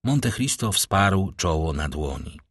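A man reading an audiobook aloud in a measured, dramatic way. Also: deep voice, sing-song, husky, no echo, studio quality. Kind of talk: audiobook narration.

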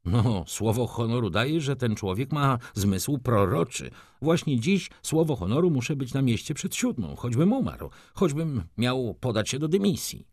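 A man's voice: mid-range voice, very animated, moderate pace, few pauses, a little mellow, husky, no echo, studio quality, pitched above the performer's own voice. A man voicing a young foppish shop clerk who talks effusively and fawns over customers. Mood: excitable. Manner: effusive, obsequious salesman patter. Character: young foppish male shop clerk, fawning, fast-talking.

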